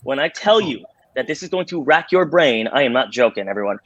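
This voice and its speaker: A man's voice: medium pitch, lively intonation, fairly quick, a bit bright, no room sound, dull audio. A man hosting a live trivia game in an upbeat, showy cruise-director style of announcing. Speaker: game show host.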